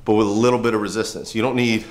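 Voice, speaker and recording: A man with a fairly low voice talks through band exercises in a garage. He explains things earnestly and casually, often restarting his sentences as he goes. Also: little pitch movement, rapid-fire. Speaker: firefighter and trainer. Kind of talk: casual instructional demo. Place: home garage gym.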